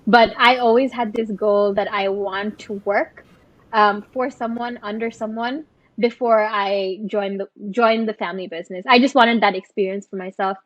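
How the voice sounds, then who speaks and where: A woman's voice: mid-range voice, fairly even intonation, normal speed, dry recording. Brief: young woman, reflective guest, dull close sound. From Bangladesh. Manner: thoughtful, frequent restarts and fillers. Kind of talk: casual interview conversation.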